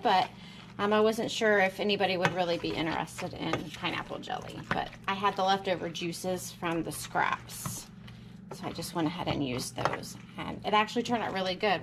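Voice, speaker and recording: A home cook and homesteading vlogger narrates a kitchen cooking project casually, practical and chatty as she thinks aloud. Her voice is fairly low, picked up by a camera mounted above the stove and counter against a noisy background.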